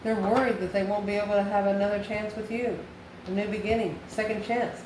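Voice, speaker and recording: Her mid-range voice is level in tone and brisk in pace. This US channel host and tarot reader muses out loud during an intuitive reading for the viewer, relying on short, repeated phrases and questions. The space sounds echoey, and background noise is clearly audible.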